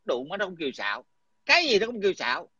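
A man's voice: sits high, huge pitch swings, fast talker, bright, forceful tone, breathy edge. A middle-aged man, talking in a heated, coarse and combative way, repeating himself. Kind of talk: heated casual talk. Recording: dull lo-fi dry sound.

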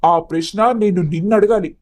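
A man voicing an upset, confused young groom in an animated story who presses with emphatic, pleading questions. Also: very high-pitched, brisk, no echo.

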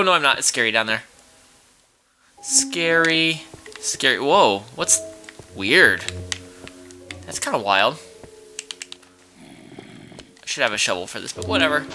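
A man's voice: mid-range voice, pushed and bright. A man casually commentating a video game he plays with his child, chatty and exclaiming as he thinks aloud. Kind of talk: casual let's-play commentary.

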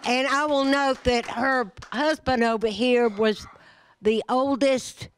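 An older woman hosts at a senior center, keeping up friendly, folksy emcee chat on a handheld mic and calling people honey. Her high voice is steady, slow, clear and resonant, filling a large indoor community room where some chatter can be heard behind her.

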